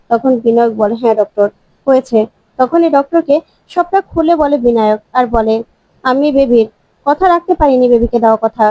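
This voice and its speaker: A woman's voice: high voice, mellow, no room sound, poor audio. A woman retelling a TV serial episode as a story, quoting each character's lines in turn. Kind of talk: storytelling recap with quoted dialogue.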